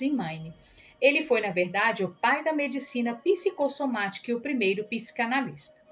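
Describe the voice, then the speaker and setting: A woman reading an audiobook aloud in a calm, measured narration. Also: mid-range voice.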